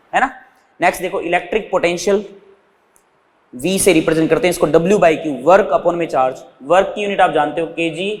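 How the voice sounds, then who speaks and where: This whiteboard physics lesson comes from a male teacher whose voice sits on the high side, with the sound of a big room around him. Addressing his students as "beta," he explains units one step at a time, asking questions and supplying the answers himself.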